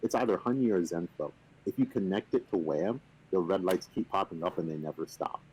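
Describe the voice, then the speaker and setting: Deep husky-voiced man explaining a game. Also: brisk, poor audio. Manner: relaxed, playful boasting, many fillers. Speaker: company representative teaching the game. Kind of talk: casual chat on a stream.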